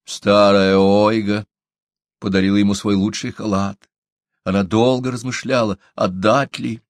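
A man narrating an audiobook in an expressive storytelling manner. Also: lowish voice, a little slow, no room sound, clean studio sound. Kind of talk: audiobook reading.

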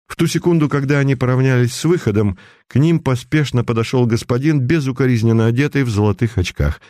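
A man's voice: medium pitch, quick pace, dark tone, no echo, clean studio sound. A man reading a story aloud as scripted narration, telling it expressively. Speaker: audiobook reader.

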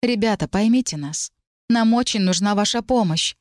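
A woman voices the heroine's earnest young female friend, pitching above her own natural voice. Her delivery is medium-pitched and natural at a moderate pace, with clean studio sound and no room noise.

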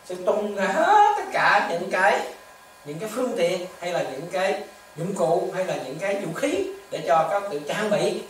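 A Buddhist monk giving a dharma talk to lay followers, with repetitive, animated storytelling and rhetorical questions. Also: mid-range voice, normal speed, a little hiss or hum. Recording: echoey hall, distant mic, faint ambience.

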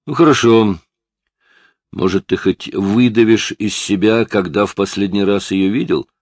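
A man playing a patient calm detective. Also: lowish voice, unhurried, no echo, clean studio sound, pitched above the performer's own voice. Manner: steady, patient questioning.

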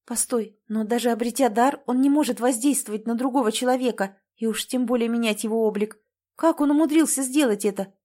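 A woman's voice: a little high, a little fast, dark tone, close to an everyday voice. A woman voicing an emotional young woman, a sister who exclaims and sighs, in an audiobook. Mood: earnest. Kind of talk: audiobook character voice.

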